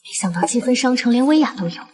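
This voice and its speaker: High-voiced, shrewd young noblewoman. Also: expressive, quick pace, a little mellow, slightly rough. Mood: wry, confident. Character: shrewd, unflappable young noblewoman plotting her revenge. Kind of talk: Chinese costume short-drama acting.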